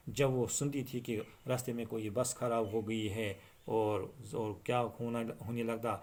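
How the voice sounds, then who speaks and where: A male teacher explaining an English lesson to students, reading each English line slowly and then explaining it at length. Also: medium pitch, darkish tone.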